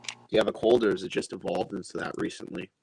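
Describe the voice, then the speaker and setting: A man's voice: low-pitched, fairly even intonation, fast, creaky, darkish tone, a little hiss or hum, low-quality recording. A man in casual chat on a livestream, curious and asking polite questions.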